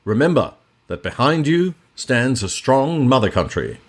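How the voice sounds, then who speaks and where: A man's voice: medium pitch, very animated, a little slow, voice pushed up. A man putting on the voice of an old-time English newsreel announcer, reading in a plummy, declamatory way. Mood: rousing.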